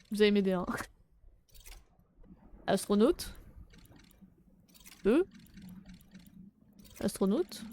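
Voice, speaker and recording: A young adult woman streaming a game, chatting casually with viewers in French, swearing and breaking into sudden loud exclamations. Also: on the high side, a little hiss or hum. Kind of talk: casual live game commentary.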